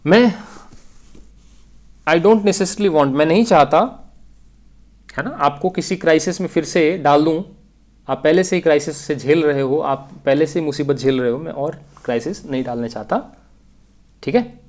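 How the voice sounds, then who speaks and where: A man's voice: on the high side, normal speed, darkish tone. A man teaching an exam-prep English grammar lesson, explaining step by step and repeating key phrases.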